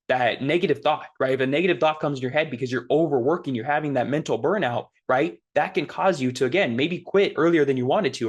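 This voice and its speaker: A man hosting a motivational solo talk, quick and repetitive, often tagging his sentences with "right?" and "guys". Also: a little high. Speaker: podcast host.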